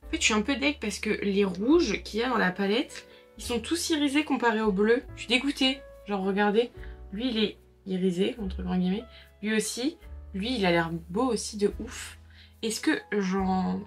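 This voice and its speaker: Chatty young woman, slightly husky voice. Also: mid-range voice. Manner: chatty, filler-heavy, talks to viewers while working. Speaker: makeup vlogger. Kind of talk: casual makeup tutorial chat. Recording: faint background music.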